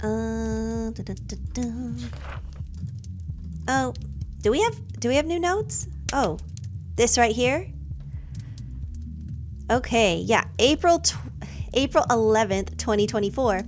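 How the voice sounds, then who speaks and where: A woman's voice: a little high, expressive, slow, long pauses. A woman giving casual, chatty commentary over a game, reacting aloud and muttering to herself. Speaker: streamer.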